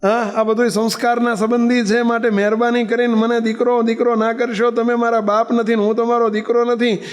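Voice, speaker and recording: A man's voice: very high voice, flat delivery, brisk. A man giving a sermon, telling a story, acting out its characters and asking the listeners questions. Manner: acts out characters' voices in his stories; asks the listeners rhetorical questions. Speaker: preacher.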